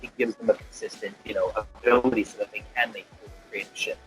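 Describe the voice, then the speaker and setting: A man's voice: on the low side, fairly even intonation, fast talker, faint music behind, poor audio. A man, a glass artist, guesting on a podcast, talking in a loose, profane way with many fillers and restarts. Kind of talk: casual chat.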